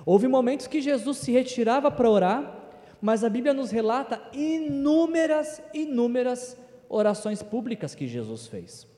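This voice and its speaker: High-voiced preacher in an echoing hall. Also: male voice, normal speed. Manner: animated, acts out quoted voices. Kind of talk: sermon. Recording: long reverb in a large hall.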